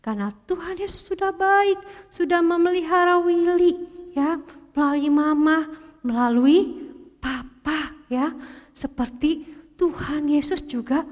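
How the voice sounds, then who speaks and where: Slow high-voiced Sunday school storyteller woman. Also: darkish tone. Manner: slow, questioning the child listener. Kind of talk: children's Bible storytelling. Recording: long hall reverb.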